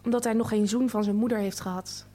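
A woman reading a literary text aloud in a measured, expressive way. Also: a little high, a little hiss or hum. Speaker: reader.

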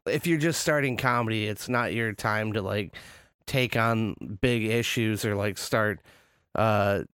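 A man's voice: fairly low pitch, unhurried, a bit bright, clear, resonant tone, dry recording, studio quality. A man in his thirties co-hosting a casual podcast from a living room couch, loose and joking and laughing often. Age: 30s. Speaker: podcast co-host. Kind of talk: casual chat.

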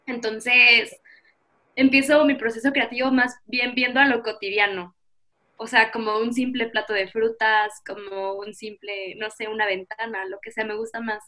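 Bright-voiced young Mexican woman. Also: a little high, flat delivery, moderate pace. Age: 20s. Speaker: podcast guest, visual artist. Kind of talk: casual interview conversation.

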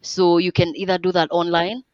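In a lowish, level voice at normal speed, a podcast guest in her twenties rambles chattily, often restarting and filling pauses. It's a casual interview captured in a dull, dry, lo-fi recording.

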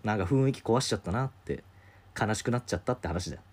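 Man, casual storyteller, rapid-fire delivery, acts out the quoted voices. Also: on the low side, animated, a little mellow. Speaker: podcast co-host telling a story. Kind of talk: casual chat.

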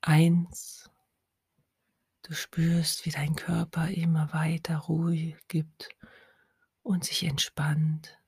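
A woman whispers a guided hypnosis at a very unhurried, drawn-out pace, her low, breathy voice close to the mic. The recording is dry, with no room sound around her. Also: level tone, a little mellow, no echo. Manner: slow soothing whisper.

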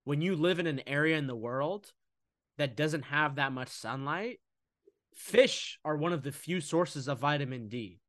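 A young man with a somewhat high voice, talking about food and nutrition in a loose, animated podcast style. He sounds close and dry, as if no room is around him, and he sometimes slips into a mocking voice. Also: unhurried, no room sound. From United States. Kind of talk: casual podcast conversation.

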